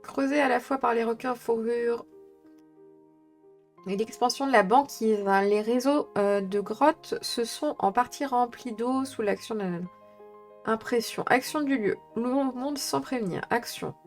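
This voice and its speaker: A woman's voice: on the high side, unhurried, faint music behind. A woman chatting casually on a live stream, thinking aloud with many fillers as she talks through tabletop games.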